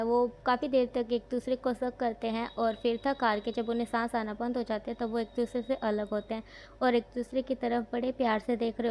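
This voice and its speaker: A woman's voice: on the high side, a little mellow, slight background noise. A woman retelling a fan-fiction love story in a casual way, with fillers and self-corrections.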